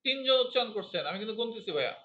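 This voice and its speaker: A man's voice: sits high, expressive, rapid-fire, a bit bright. A man teaching a networking class. He quizzes his students, asks them to repeat terms aloud and counts digits out one by one. He speaks with a Bangladeshi Bengali accent. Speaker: networking instructor. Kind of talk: classroom lecture. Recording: roomy, slightly dull classroom recording.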